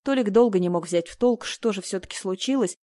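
A woman narrating a first-person audiobook in a measured, inward-looking way. Her voice is at a middle pitch for a woman and sounds dry and close to the microphone, with no room echo. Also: warm tone.

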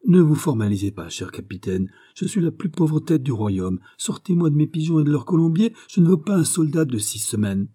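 Picture a flustered, fawning prison governor from an old novel, stammering apologies loudly and higher than his usual register, as a male reader puts him on. The voice still carries a husky, dark grain under the fluster. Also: sing-song, fairly quick, few pauses.

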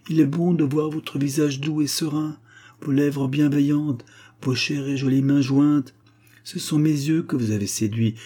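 Storybook role: ardent young climber, lyrical, husky and warm as a male reader plays him. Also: medium pitch, voice pushed up, close to an everyday voice. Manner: passionate, lyrical. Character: passionate young mountaineer in love.

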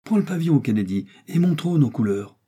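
Male reader doing composed scholarly explorer, very dark husky voice. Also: medium pitch, lively intonation, fairly quick, voice pushed up. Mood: calm. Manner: composed, explanatory. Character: calm learned male explorer doctor. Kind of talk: audiobook character voice.

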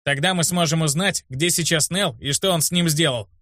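A man's voice: on the high side, fairly quick, sharp tone, no room sound, studio quality, voice pushed up. A man voicing an earnest boy apprentice. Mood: insistent.

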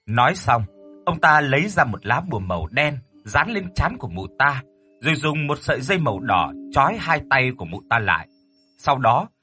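A man reading a horror story aloud in a dramatic, expressive way. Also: medium pitch, slightly rough. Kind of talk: scripted horror story narration. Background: faint music.

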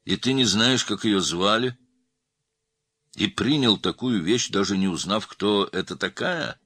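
A man playing a hoarse, pushy gangster in an audiobook, pressing with raised, impatient questions. The voice is very deep and gravelly, with a tense brightness. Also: animated, normal speed, no room sound, exaggerated voice. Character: tense, pushy middle-aged male gangster.

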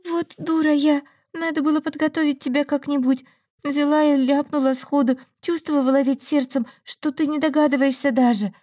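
Brief: a fussy, worried young woman friend, put on by a woman narrator, high and anxious, dry close audiobook sound. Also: fairly even intonation, warm tone, dry recording, close to an everyday voice. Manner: anxious, fast-talking, high-pitched. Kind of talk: audiobook story reading.

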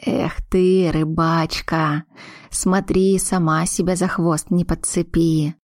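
A woman reading a stern older mother who talks in a low, slow, weighty way. Her words come out blunt and sharp-tongued. The recording is dry and close. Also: level tone, dry recording. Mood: sly.

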